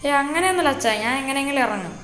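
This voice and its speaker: A woman voicing a cocky young son in a game story, loud and brash. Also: high-pitched, expressive, racing, roomy sound.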